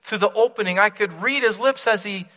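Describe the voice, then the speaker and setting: A talking teacup, all frantic pleading in high strained cries, as a preacher puts it on. The tone rings bright and forceful. It lingers in a long, echoing church reverb. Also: male voice, brisk. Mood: pleading, anguished.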